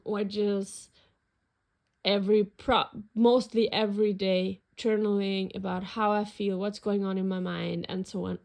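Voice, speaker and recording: Narrating a casual flip-through of her journal, this vlogger, whose native language is German, speaks in a mid-range voice. She is hesitant and rambling, filling pauses often.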